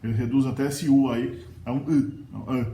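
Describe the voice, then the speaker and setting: A man with a Brazilian Portuguese accent giving a casual lesson, patiently repeating example words slowly. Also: mid-range voice, fairly even intonation, dark tone. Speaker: language teacher and mentor. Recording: echoey room with faint noise.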